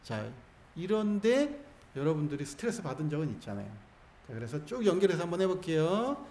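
In a temple hall, a Buddhist monk gives a Sunday dharma talk in a fairly quick, mellow, sing-song voice on the high side. Playful and coaxing, he guides listeners through call-and-response practice with jokes, and the roomy hall carries faint ambience and slight background noise.

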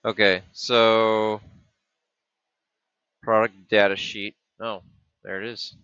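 On dull, dry, lo-fi webcam audio with no echo, a middle-aged man talks slowly and flatly through a chip datasheet and circuit board for his project. His low voice has a sharp, clean tone, and he thinks aloud casually in this screen-share, with many ums and restarts.

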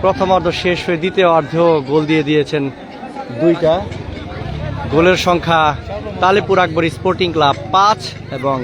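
A high-voiced man commentates on a football match outdoors, with a crowd audible around him. He talks casually to his live viewers and often repeats phrases as he follows the play. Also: a little fast. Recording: outdoor live stream with loud crowd noise. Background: crowd and outdoor noise.

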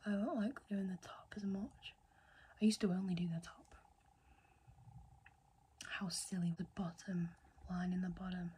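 A woman's voice: lowish voice, fairly even intonation, a little slow, long pauses, warm tone, a little hiss or hum. A young woman whispering a chatty ASMR makeup tutorial, rambling and often correcting herself. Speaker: ASMR creator.

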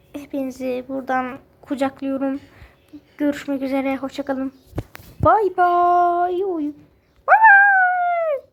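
Woman gaming host, high voice, excitable, chatty commentary to viewers, noisy home recording. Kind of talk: casual gameplay commentary to viewers.

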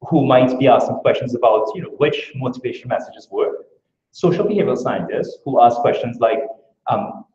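A Trinidadian academic from Trinidad and Tobago delivers a conference talk in a lecture room, speaking fast in a brisk, earnest way and explaining through rhetorical questions. His voice is medium in pitch with a darkish tone. The recording is echoey and dull.

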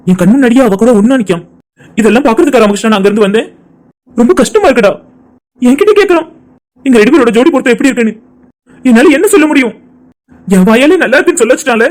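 Cartoon role: a man doing a gloomy, lovesick young man, high voice, brisk. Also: a little mellow. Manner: sorrowful, low and subdued. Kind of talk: cartoon voice acting.

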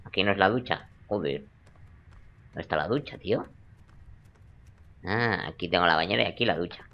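A man's voice: sits low, moderate pace, creaky, dull audio, slight background noise. A young man giving joking, crude gameplay commentary in a teasing, playful way. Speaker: let's play gamer.

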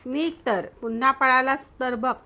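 A woman's voice: sits high, steady tone, unhurried, sharp tone. A woman reading as a stern scolding mother. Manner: scolding, commanding. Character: stern scolding village mother, middle-aged. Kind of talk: storybook reading.

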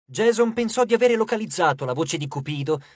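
A man narrating an audiobook chapter in a measured, even reading. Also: high voice, no room sound, clean studio sound.

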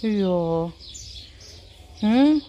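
A woman's voice: medium pitch, lively intonation, drawn-out words, muffled recording. A German woman vlogging casually on a small farm, chatting and cooing at her animals and kids. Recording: faint farmyard noise, chickens.

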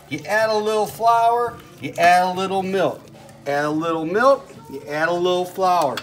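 A middle-aged man hosting a homemade cooking show in his kitchen, explaining each step in a folksy way while he stirs. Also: sits high. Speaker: home cooking show host. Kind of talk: casual cooking demonstration. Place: home kitchen indoors.

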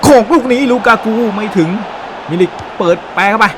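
A man giving excited, animated play-by-play commentary on a football video game, with frequent exclamations and a Thai accent. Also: sits high, moderate pace, background noise. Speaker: gaming YouTuber.

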